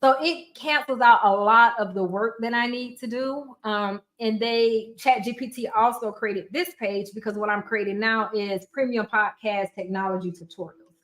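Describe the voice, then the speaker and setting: A woman with a slightly high voice walks viewers through software on a livestream. She chats loosely and off the cuff, talking around bites of food as she goes. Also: moderate pace. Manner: chatty, talks off the cuff to viewers. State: eating while talking. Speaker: livestream host demonstrating software. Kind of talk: casual screen-share tutorial.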